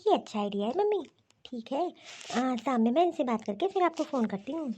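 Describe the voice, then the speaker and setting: A woman's voice: sits high, sing-song, brisk, a little mellow, slight background noise. A woman voicing a selfish young wife in a Hindi cartoon, stubborn and insistent.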